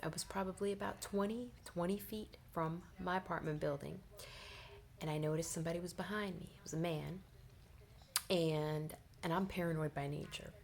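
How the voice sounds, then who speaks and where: A woman's voice: moderate pace, gravelly. A young woman in her twenties telling a personal story in a casual, rambling way, often dropping into a whisper and filling gaps with "you know". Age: 20s. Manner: animated, rambling, frequent fillers like "you know"; drops often into a low whisper. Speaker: vlogger.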